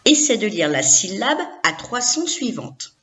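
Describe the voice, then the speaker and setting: A woman's voice: medium pitch, sing-song, a little slow, a bit bright. A woman teacher giving a recorded reading lesson to young children, sounding out syllables one by one and having the listener repeat them.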